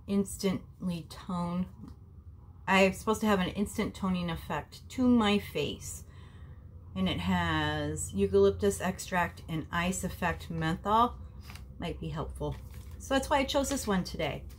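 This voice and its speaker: Recorded on a camera in front of her at desk distance, a woman in her forties chats about a face mask from her small home bedroom. Her lowish voice is nasal and stuffy with a cold, and she's chatty and warm, treating viewers like family and using lots of ums in this casual skincare vlog. A little hiss or hum is audible.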